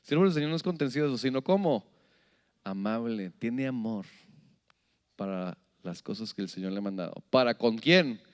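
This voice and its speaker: A man preaching a sermon as pastor, animated, asking the congregation questions and acting out little scenes. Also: medium pitch, normal speed, smooth. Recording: long hall reverb.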